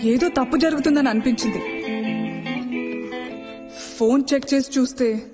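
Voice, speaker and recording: A woman's voice: high voice, moderate pace, over music, lightly acted. A woman in a film scene, lecturing insistently about honesty and cheating, mixing English into her Telugu. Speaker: teacher lecturing two young men on honesty. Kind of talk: film dialogue.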